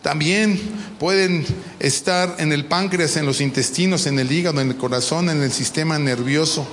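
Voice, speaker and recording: Male preacher with a high voice, emphatic and questioning, in a church with faint background noise. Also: moderate pace, a bit bright. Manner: emphatic preaching, quizzes the congregation. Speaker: pastor. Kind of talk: sermon. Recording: long reverb of a large hall.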